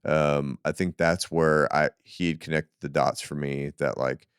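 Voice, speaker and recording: A man hosts a podcast in a loose, enthusiastic way, full of casual fillers. His voice is extremely deep and smooth. The sound is dry and close to the mic. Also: fairly even intonation, a little slow, no echo. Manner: easygoing, enthusiastic, lots of fillers. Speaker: podcast host. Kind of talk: casual interview chat.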